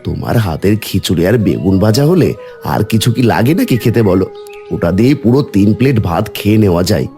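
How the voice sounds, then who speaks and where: A man's voice: lowish voice, sing-song, fast talker, mellow, soft background music. Man playing a worried young village son. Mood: earnest. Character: sick, worried young village son, fond of his mother.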